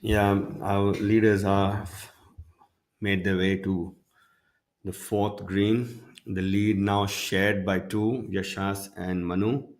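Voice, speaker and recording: A man's voice: fairly low pitch, little pitch movement, slow. A man giving analysis as a golf commentator during live tournament coverage. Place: broadcast studio.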